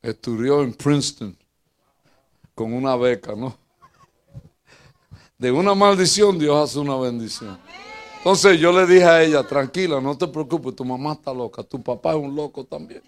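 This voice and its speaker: An older pastor with a Puerto Rican Spanish accent preaches in a lively, humorous style, sharing stories from his church. His ordinary mid-pitched voice surges into loud bursts and sinks into low asides, at a normal speed broken by long pauses.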